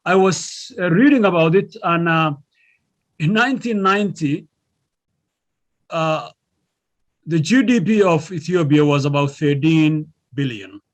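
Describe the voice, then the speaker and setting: A man from Somalia, speaking as an economics professor in a formal interview and explaining in a measured way, with emphatic rises on key words. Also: on the high side, animated.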